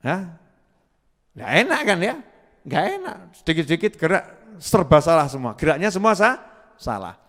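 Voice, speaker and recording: A man's voice: fairly high pitch, big pitch swings, normal speed, long pauses, fairly bright tone. A man preaching a sermon, questioning the listeners and chanting prayers in long drawn tones. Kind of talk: sermon to a live audience. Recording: live sermon with long hall reverb.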